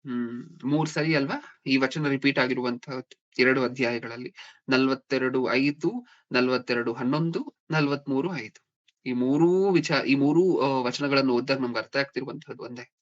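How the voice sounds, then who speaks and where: A man's voice: medium pitch, normal speed. A man preaching a sermon, often checking in with his listeners with rhetorical questions. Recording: dull lo-fi recording.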